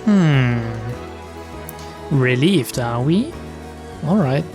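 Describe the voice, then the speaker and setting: Extremely slow yet lively in intonation, a man's medium-pitched voice dramatically reads a visual novel aloud as a streamer. He adds casual asides, and rain and game music sound behind him.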